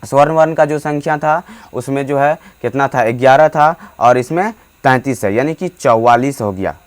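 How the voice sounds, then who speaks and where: Male teacher explaining grammar for exam prep; halting delivery full of fillers, stretches vowels out to demonstrate them. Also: mid-range voice, clear, resonant tone. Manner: halting, many fillers and restarts. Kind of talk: hindi grammar lesson.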